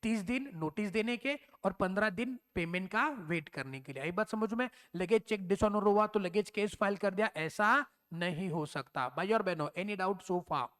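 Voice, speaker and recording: A man's voice: sits high, moderate pace, hardly any pauses, a bit bright. A male teacher giving a recorded exam-prep lecture, explaining step by step, asking and answering his own questions, and dropping in English terms.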